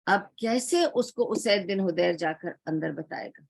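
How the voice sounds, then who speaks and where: A woman lecturer giving a storytelling religious lesson, explaining calmly and mixing English words into her speech. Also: fairly low pitch, vocal fry, no room sound. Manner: calm, explanatory tone, addressing the listeners directly. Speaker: Islamic studies lecturer.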